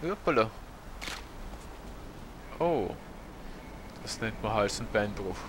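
With a fairly low, expressive voice and a slow pace, a man in his 30s from Austria casually talks through a video game as a let's play host. His delivery is hesitant and packed with fillers, set against background noise.

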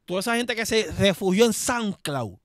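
A young Puerto Rican man hosts a laid-back podcast and jokes in heavy street slang. His voice sits a little high. The sound is close and dry. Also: normal speed, no echo. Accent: Puerto Rican Spanish. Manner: slangy, animated and joking. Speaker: podcast host. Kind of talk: casual chat.

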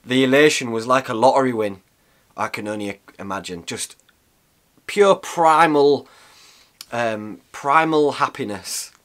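A man's voice: medium pitch, a little slow, fairly bright tone. A man in his thirties talking casually to camera in a small cosy room, rambling and restarting his sentences. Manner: chatty and rambling, with frequent restarts and fillers. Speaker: outdoor cooking vlogger.

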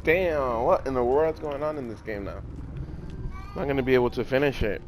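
A man's voice: mid-range voice, fairly quick. A man gaming and giving casual commentary as he plays. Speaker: gamer. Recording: loud gunfire and game noise behind. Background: video game gunfire.

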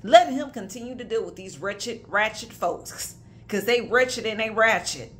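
A woman's voice: fairly high pitch, animated, measured pace, a little hiss or hum. A woman, preaching a prophetic sermon with emphatic conviction and casual asides. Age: 30s. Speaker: minister.

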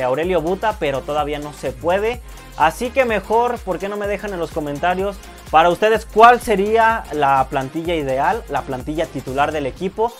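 Young Mexican man, gaming commentary, high voice, shouts at goals, music bed. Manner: excitable, swears often, yells at goals. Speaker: gaming youtuber. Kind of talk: casual video game commentary. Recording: loud music behind the voice.

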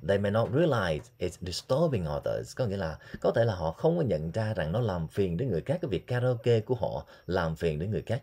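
A man, teaching English phrases and repeating examples slowly. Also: low voice, dark tone, husky. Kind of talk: explaining English phrases in Vietnamese.

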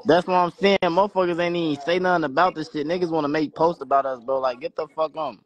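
A man's voice: a little high, fairly even intonation, fast. A man with a Chicago accent, ranting confrontationally and profanely on a livestream. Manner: profane, confrontational, ends lines with "bro".

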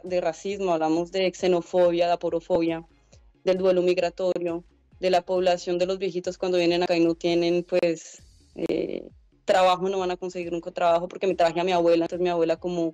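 Over a video call picked up by her laptop webcam, a young Colombian woman who heads a migrant organization answers interview questions from a room at home. Her voice is lowish, mellow and clear with a resonant tone, and the recording is dry. She comes across as earnest and explanatory, sprinkling in lots of "eh" and "pues."

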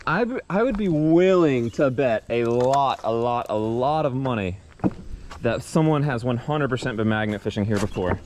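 A man vlogging from a bridge over a swamp on a head-mounted camera, chatting excitedly with viewers he calls y'all. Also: medium pitch, moderate pace. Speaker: magnet fishing vlogger. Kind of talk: casual outdoor vlog commentary. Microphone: head-mounted action camera. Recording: faint outdoor noise.

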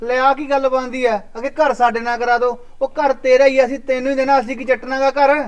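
Man playing a protective young brother, fast talking, mid pitch. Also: level tone. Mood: riled. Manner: quick, challenging.

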